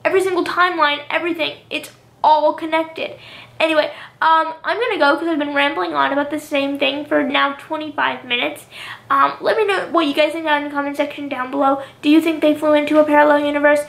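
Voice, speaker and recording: A young woman vlogging casually, rambling and filling gaps with "um" and "literally", a little hoarse from talking a long time. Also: high-pitched, steady tone, fairly quick, a bit bright, reverberant. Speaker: YouTuber. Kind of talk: casual vlog monologue.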